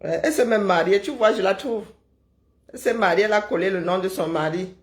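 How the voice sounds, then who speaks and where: A woman's voice: mid-range voice, fairly quick. Teasing woman on a live stream. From Kribi, Cameroon. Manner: teasing and sarcastic, with frequent "hein?" tags. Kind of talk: casual live-stream chat, answering viewer comments.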